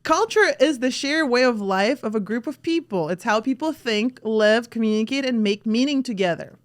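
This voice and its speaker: A woman from Russia hosting a casual podcast, telling stories in a chatty, animated way with lots of restarts. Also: on the high side, normal speed. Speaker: podcast host.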